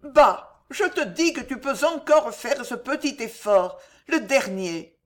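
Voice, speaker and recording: A woman's voice: high-pitched, animated, slow pace, pitched above the performer's own voice. A woman voicing a cold, cruel queen who taunts and threatens in an icy, mocking tone. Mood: coaxing.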